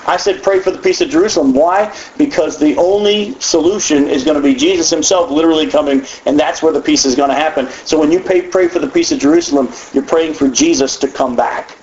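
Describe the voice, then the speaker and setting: A man teaches the Bible in a loose, folksy way, full of asides and restarts, and his voice sits a bit high for a man. The sound is dull and lo-fi, with a roomy echo around him and a faint hiss behind. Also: fairly quick, hardly any pauses. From United States. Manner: animated, folksy, with frequent asides and repetitions. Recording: echoey, dull lo-fi room sound.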